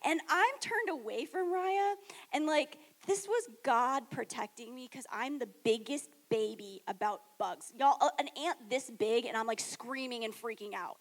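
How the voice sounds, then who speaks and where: A youth director telling funny stories on a panel, animated and laughing, acting out what others said. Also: female voice, fairly high pitch, measured pace. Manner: animated, laughing, acts out quotes. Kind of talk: casual storytelling on a panel.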